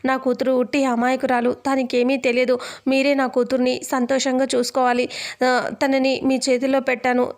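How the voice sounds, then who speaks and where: A woman narrator reading the lines of a tearful mother who pleads haltingly with her daughter's in-laws. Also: high voice, monotone. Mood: pleading.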